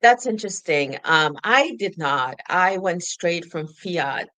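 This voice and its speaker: Low-voiced, lively woman from Sudan. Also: slow pace, dry recording. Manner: animated, laughs often, acts out her own thoughts. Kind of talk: casual conversation.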